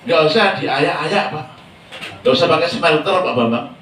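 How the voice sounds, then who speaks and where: A man's voice: fairly high pitch, animated, moderate pace, a bit bright, slight background noise. Male preacher, casual question-and-answer sermon style, off-mic in an echoey room. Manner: chatty, asks the congregation many questions. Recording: echoey hall from a distance.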